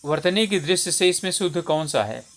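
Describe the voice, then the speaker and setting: Male exam tutor with a slightly high voice; steady step-by-step walkthrough of answers, repeats key words. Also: fairly quick. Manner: explains step by step, repeats words and says "theek hai" often.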